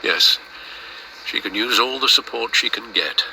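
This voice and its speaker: A man playing a loyal, grieving elderly guardian in a video game, with a formal, solemn and measured delivery. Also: medium pitch, vocal fry, pushed and bright, slight background noise, exaggerated voice, poor audio. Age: older. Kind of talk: video game dramatic acting.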